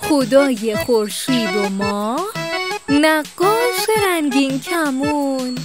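A woman narrating a children's cartoon in gentle, sing-song rhyming verse. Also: high voice, loud music behind the voice.

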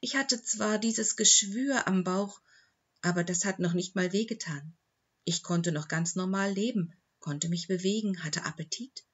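A woman reading the voice of a calm, loyal old female dog in an audiobook, speaking in a soothing, matter-of-fact way with a slightly husky tone. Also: lowish voice, measured pace, highs cut off. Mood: reproachful.

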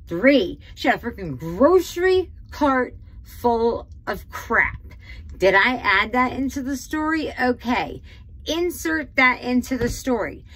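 Slow-talking woman telling a heated story. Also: fairly high pitch, lively intonation, fairly bright tone, poor audio. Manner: heated, rambling, tearful at times. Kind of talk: emotional storytime vlog. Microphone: phone.

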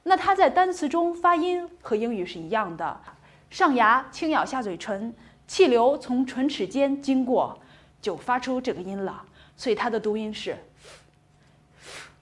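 A woman's voice: a little high, animated, moderate pace. A woman teaching a recorded pronunciation lesson, patient and encouraging, saying each sound twice and asking the class questions before answering them herself.

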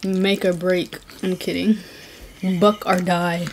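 A woman hosting an ASMR eating video with her mother, talking softly and teasing, with easy laughs, close to the mic. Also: lowish voice, fairly even intonation, slow, a little hiss or hum. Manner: soft-spoken and teasing, laughs easily. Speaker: host.

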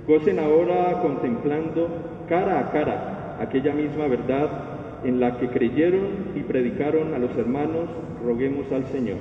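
Man, measured solemn prayer reading, middle-aged, muffled distant sound, noisy background. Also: a little high. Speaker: cleric reading intercessions. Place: inside a church. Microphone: lectern microphone, through face mask. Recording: reverberant church, distant mic, dull, noisy.

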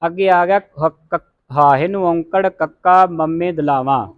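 A man with a Punjabi accent and a slightly high voice teaches how to pronounce scripture words at a measured pace. The audio is narrow and tinny. He is a Gurbani teacher in a recitation class, sounding out letters for the students to say back.

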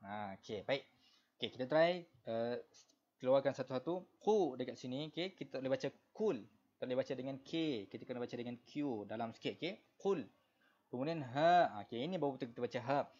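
A man with a Malaysian Malay accent teaching Quran recitation, explaining patiently with lots of repetition and fillers, then chanting verses slowly. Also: medium pitch, expressive, darkish tone, highs cut off. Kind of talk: online Quran recitation lesson.

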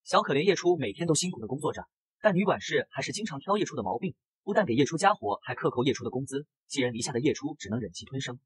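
A man narrating a comic story recap in brisk, scripted storytelling on a close mic. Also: medium pitch, big pitch swings, slightly rough, no echo.

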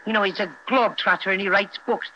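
An actor voices a small, protective toy bear in a 1930s children's radio drama. The voice is bright and folksy, with emphatic fussing. The old recording is dull and a little noisy. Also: mid-range voice, steady tone, quick pace, close to an everyday voice. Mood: annoyed.

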